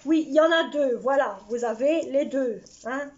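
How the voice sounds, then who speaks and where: A woman's voice: high voice, moderate pace. A middle-aged woman chatting casually to her viewers in her home kitchen as she cooks, talking straight to camera. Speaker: cooking vlogger. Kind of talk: casual cooking vlog. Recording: dull lo-fi sound, faint noise.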